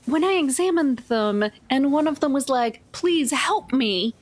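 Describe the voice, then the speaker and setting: During a casual actual-play session, a woman player thinks through her choices out loud with wry humor. Her voice is high and animated, and she takes her time.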